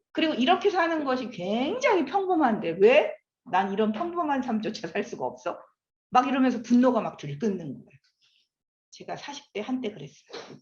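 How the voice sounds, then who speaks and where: A woman in her fifties giving a lecture, often asking the audience questions. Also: a little high. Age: 50s. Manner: animated, asks the audience questions. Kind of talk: classroom lecture. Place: lecture room. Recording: echoey room, slightly dull sound.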